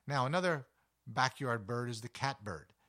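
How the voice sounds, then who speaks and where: Deep voiced guy chatting casually, enthusiastic, lots of ums and uhs. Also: expressive, normal speed, bright, forceful tone. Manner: chatty, enthusiastic, with frequent fillers. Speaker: nature show host. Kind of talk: casual talk about backyard birds.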